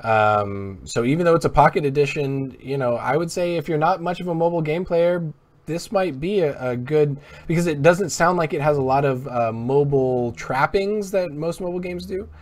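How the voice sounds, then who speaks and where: A man's voice: a little high, normal speed. A man hosting a casual chat show about video games. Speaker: host of a video game show.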